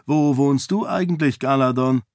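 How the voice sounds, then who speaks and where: A man voicing a curious, eager young man in an audiobook reading, speaking excitedly and with energy. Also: mid-range voice, moderate pace, dry recording, clean studio sound, lightly acted.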